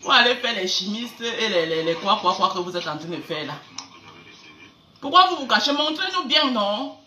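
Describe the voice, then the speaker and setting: Greeting her viewers on a laid-back live stream, a woman with a Cameroonian accent pokes fun at people through sarcastic, stammered repetitions. She sounds very animated and sharp at medium pitch and moderate pace, with room echo and faint noise behind her.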